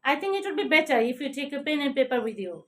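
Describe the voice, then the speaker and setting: A woman's voice: high-pitched, big pitch swings, quick pace, fairly bright tone. A woman teaching an English vocabulary lesson, spelling out words letter by letter and often checking in with "okay?". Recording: echoey room, voice a bit far from the mic.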